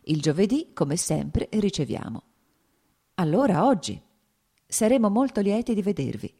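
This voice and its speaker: A woman's voice: mid-range voice, big pitch swings, measured pace, dark tone, husky, voice pushed up, exaggerated voice. A woman reading the lines of a dry, formal older princess and mother in a storybook reading.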